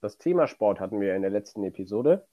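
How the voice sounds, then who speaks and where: A man's voice: lowish voice, expressive, fast, dark tone, no echo, highs cut off. Chatty man co-hosting a podcast, dry sound. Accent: Rhineland German. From Germany. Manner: chatty, rambling storyteller. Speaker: podcast co-host. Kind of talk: casual chat.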